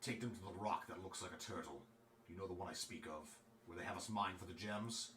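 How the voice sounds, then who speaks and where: A man voicing a stern male rebel mage who speaks in a low, grave, commanding way, recorded off-mic in a roomy space. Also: fairly quick, a bit bright, far from the mic. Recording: roomy, off-mic, faint room ambience.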